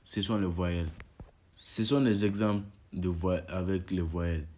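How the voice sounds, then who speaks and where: A young man calmly explaining an alphabet lesson to viewers. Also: low voice, measured pace. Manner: calm explaining, voice jumps up loud on each letter called out. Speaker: language teacher.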